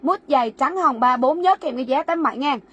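A woman's voice: high voice, brisk, fairly bright tone. A woman selling goods on a livestream, repeating sizes and prices and urging viewers to write down their orders. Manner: repetitive, coaxing viewers to comment orders. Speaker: livestream seller. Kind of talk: fast live-sale patter. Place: warehouse.

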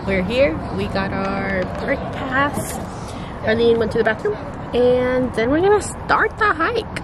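A young woman with a standard American accent vlogs casually. Her voice sits fairly high and moves up and down in a lively way, over loud background noise. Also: unhurried. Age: young adult. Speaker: vlogger. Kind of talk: casual vlog chat. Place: car, house and outdoor trail. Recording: noisy car and outdoor ambience.

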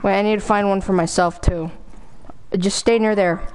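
A woman's voice: mid-range voice, fairly even intonation, moderate pace, darkish tone, clean tone. A woman in casual gaming chat with a slangy, hyped gamer bro way of talking. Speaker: gamer playing co-op.

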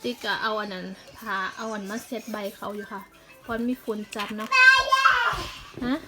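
A woman's voice: mid-range voice, steady tone, normal speed, loud music behind the voice, low-quality recording. A woman with an Isan Thai accent chatting in a casual home vlog, explaining plant care step by step. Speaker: vlogger.

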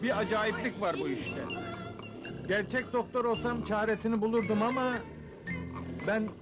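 A man's voice: sits high, steady tone, normal speed, over music, lightly acted. An actor playing an earnest, wry small-town man posing as a doctor in an old comedy film. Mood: puzzled, wry.

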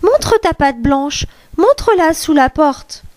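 A woman voicing little baby goats in a storybook reading, squeaky and pleading. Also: lively intonation, slow pace, darkish tone, dry recording. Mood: asking. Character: small frightened baby goats, high-pitched.

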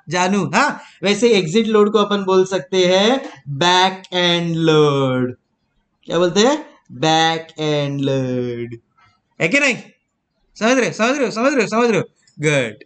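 Playful high-voiced teacher. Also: male voice, a bit bright. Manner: teasing and repetitive, mixing Hindi and English. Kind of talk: playful classroom lecture.

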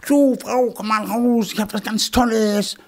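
A man's voice: high voice, steady tone, a little slow, creaky, pitched above the performer's own voice. A man voicing a polite, cunning male hedgehog in a children's fairy tale, with a chirpy, sly manner. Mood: scheming.

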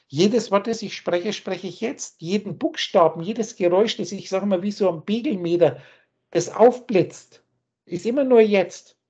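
A man lectures over a video call, pressing his points with insistence and circling back to repeat them. His voice has a husky, breathy edge. The call audio comes through muffled and lo-fi. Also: high-pitched, darkish tone. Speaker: spiritual teacher.

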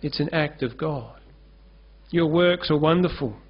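A male pastor preaches an earnest sermon at a measured pace, his voice on the high side and slightly rough, gesturing freely at the lectern on a curtain-backed church stage. Faint music sits behind him in this dull, lo-fi recording from a lectern-mounted mic.

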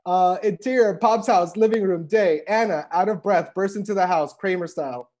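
Over wired earphones on a video call, a thirtysomething man narrates the stage directions for a comedy table read. He speaks at a normal speed in a high, slightly mellow voice.

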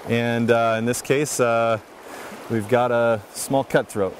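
A man narrates a fly fishing lesson in a calm, explanatory way. His voice is mid-pitched and steady. A faint outdoor ambience sits beneath it. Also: slow pace, slight background noise. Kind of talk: instructional voice-over narration.

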